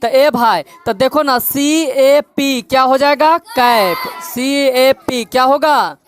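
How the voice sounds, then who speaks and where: A woman's voice: high voice, takes it slowly, a little hiss or hum. A woman with a Bihari Hindi accent teaching English phonics, drilling students with repeated call-and-response questions. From Bihar, India. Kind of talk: classroom-style lesson.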